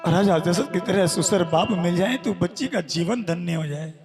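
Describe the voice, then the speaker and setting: Man, devotional storyteller, emotional sing-song sermon, high voice, live village gathering, music behind. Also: normal speed. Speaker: religious storyteller.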